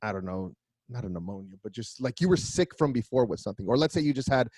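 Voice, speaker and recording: A man's voice: mid-range voice, fast, husky, dry recording, poor audio. Profane storytelling man, dry close mic. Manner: profane, animated, acts out quoted voices. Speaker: podcast co-host. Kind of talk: casual comedic storytelling.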